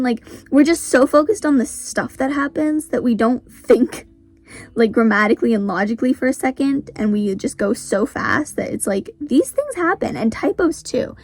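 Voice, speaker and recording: A teenage girl talking casually about writing in a vlog, saying "like" constantly. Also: a little high. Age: teens. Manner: chatty, says "like" very often. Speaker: author.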